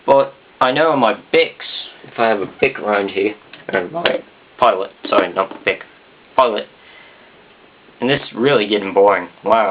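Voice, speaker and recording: Low-voiced man with a Southern US accent. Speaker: video blogger. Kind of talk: casual rambling vlog to camera. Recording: dull, muffled consumer camera sound.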